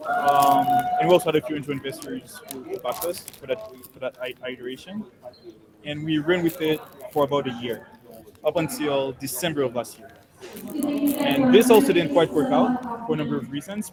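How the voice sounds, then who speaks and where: A man, a startup founder giving a measured conference presentation over a video call. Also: on the high side, low-quality recording. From Haiti. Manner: measured, walks through points in order.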